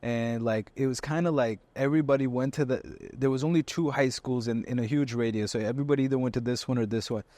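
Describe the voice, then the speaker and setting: A man's voice: medium pitch, fast, few pauses, no echo. A young man co-hosting a car podcast, talking casually and emphatically, full of slang. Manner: animated, emphatic, slangy with "bro". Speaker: podcast co-host. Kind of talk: casual chat.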